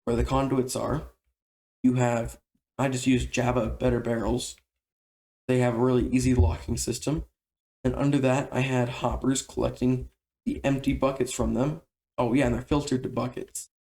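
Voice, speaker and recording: Casual male game tutorial narrator, mid-range voice with noticeable vocal fry, relaxed and chatty. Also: medium pitch, normal speed. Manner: relaxed, conversational explaining.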